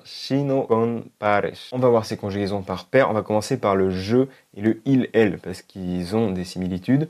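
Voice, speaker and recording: A man teaching an online language lesson, explaining step by step and repeating each example slowly. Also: lowish voice, a little mellow. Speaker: Spanish teacher.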